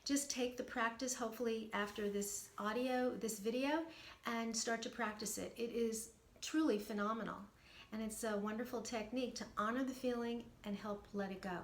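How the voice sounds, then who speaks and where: A woman's voice: fairly high pitch, a little hiss or hum. A woman teaching self-help in an earnest, encouraging way and guiding a short meditation. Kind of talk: motivational talk with guided meditation. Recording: roomy echo, faint background ambience.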